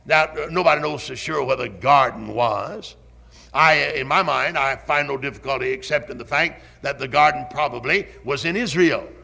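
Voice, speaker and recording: A man preaching a sermon as a pastor. He is emphatic, repeats phrases slowly and deliberately, and his pitch rises sharply at times. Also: gravelly, bright, forceful tone.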